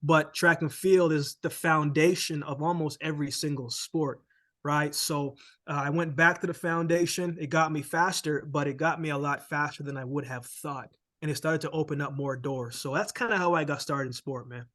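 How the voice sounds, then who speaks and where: Speaking a little high and at a normal pace, a man from Jamaica, once a sprinter, recounts his story in a casual guest interview. He sounds relaxed and keeps ending lines with "man" and "right?".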